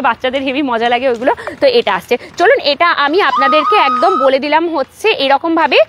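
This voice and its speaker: Bengali woman host, high voice, talkative live-stream style, keeps checking in with viewers. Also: a bit bright. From West Bengal, India. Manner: chatty, keeps asking "ঠিক আছে?" to viewers. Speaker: local vlog host. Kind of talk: casual live-stream chat.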